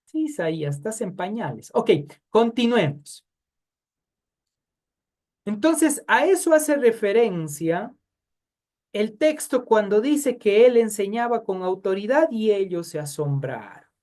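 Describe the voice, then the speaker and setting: A man's voice: sits high, very animated, slow pace, a little mellow. A man teaching a Bible study class in a conversational way, asking his students questions and addressing them by name.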